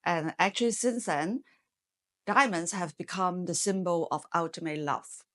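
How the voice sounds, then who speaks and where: A middle-aged woman from Hong Kong, a marketing executive giving measured, explanatory interview answers. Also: lowish voice, a bit bright. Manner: measured, explanatory, with some fillers.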